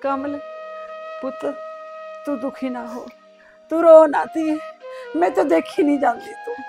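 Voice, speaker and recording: A woman's voice: high voice, huge pitch swings, a little slow, creaky, warm tone, faint music behind, heavily acted. A middle-aged woman playing a grieving mother-in-law who soothes her son's wife through tears. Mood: tearful comfort. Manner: tearful, soothing, pleading. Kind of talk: short family drama.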